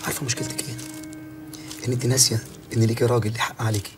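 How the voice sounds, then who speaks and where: An actor playing a repentant Egyptian husband who talks in an earnest, pleading way. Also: male voice, medium pitch, level tone, very fast, music in the background, close to an everyday voice. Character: repentant husband begging forgiveness. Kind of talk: comedic film acting.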